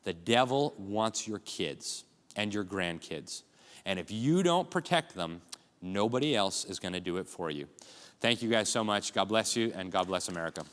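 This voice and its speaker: A man's voice: lowish voice, expressive, normal speed, a bit bright, some chatter behind. A man giving an urgent, emphatic conference speech, full of rhetorical asides to a live audience. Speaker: conference speaker. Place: large hall with audience. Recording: live talk in a reverberant hall.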